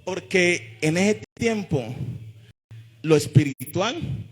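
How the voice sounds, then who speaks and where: A male pastor preaching a fervent sermon to a church congregation. He calls out to the people and rises into shouted refrains. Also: high voice, animated, slow, slightly rough. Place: church service before a congregation.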